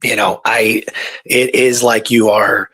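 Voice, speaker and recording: Speaking slowly and flatly in a low, husky voice with a sharp tone, a radio show co-host recounts Old West history in a relaxed, chatty way. He frequently checks in with the listener, leaning on "you know" and "right."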